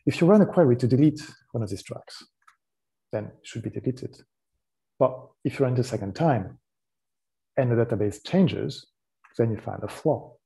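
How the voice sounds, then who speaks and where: A man's voice: mid-range voice, normal speed, creaky, pauses often. French-accented man giving a tech talk. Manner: relaxed explanatory, frequent ums and restarts. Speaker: conference speaker. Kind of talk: technical conference talk.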